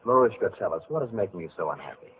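An actor voicing a wise, old spirit of the winter month in a vintage radio play, grave and soothing. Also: male voice, sits low, lively intonation, rapid-fire, breathy edge, full character voice. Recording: tinny old radio broadcast.

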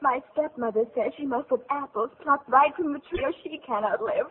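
A woman's voice: sits high, a little fast, a little hiss or hum, lightly acted. An actress voicing a sweet, frail young girl in a vintage radio play, pleading and tearful. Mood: weary. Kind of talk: 1940s radio acting. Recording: tinny old radio broadcast.

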